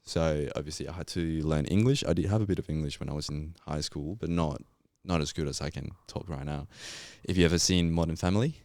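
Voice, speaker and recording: With a darkish bass voice, a young man from Colombia speaks fairly quickly and barely pauses while telling his story as a podcast guest. The chat is casual and reflective, heavy on fillers, in a Colombian Spanish accent. Clean studio sound, no room noise.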